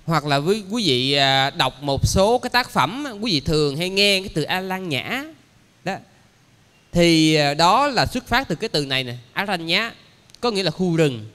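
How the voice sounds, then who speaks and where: A man, a Buddhist monk giving a dharma lecture, explaining slowly with many pauses and fillers. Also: on the high side, lively intonation, a bit bright, smooth. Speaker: Buddhist monk teaching a sutra class. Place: temple lecture hall. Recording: long hall reverb.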